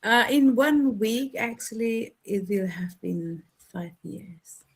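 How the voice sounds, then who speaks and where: An Indonesian preschool teacher who is learning English chats casually on a video call from her home in the Netherlands, thoughtful and quick to laugh. Her voice is on the high side and slightly rough, with lively intonation, and she takes her time speaking.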